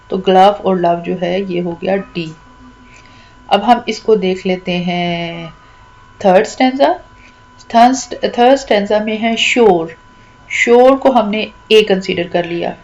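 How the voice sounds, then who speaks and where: A woman's voice: mid-range voice, darkish tone, poor audio. Patient woman teaching step by step. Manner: patient, step by step, repeats words slowly and drawn out. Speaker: English literature teacher. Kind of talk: classroom-style lesson explaining a rhyme scheme.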